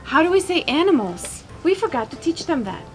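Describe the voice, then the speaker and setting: A woman's voice: sits high, big pitch swings, fairly quick, faint music behind. A woman giving a children's language lesson, talking as if reading to a toddler, encouraging and repeating words for a small child. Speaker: language teacher and parent guiding a young child.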